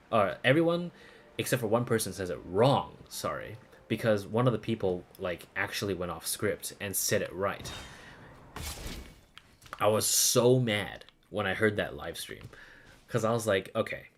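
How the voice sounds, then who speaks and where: A man streaming in a casual, opinionated, sweary style with animated delivery. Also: lowish voice. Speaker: streamer reviewing game voice dubs.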